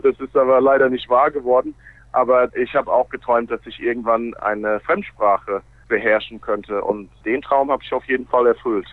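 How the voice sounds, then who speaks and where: A man speaks German as a foreign language with a clear North American accent, chatting casually as an interview guest. His mid-pitched voice comes through narrow and phone-like, with very little room sound. Small grammar slips show his English mother tongue. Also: steady tone, normal speed, no room sound. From Canada. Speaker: interview guest, baseball player.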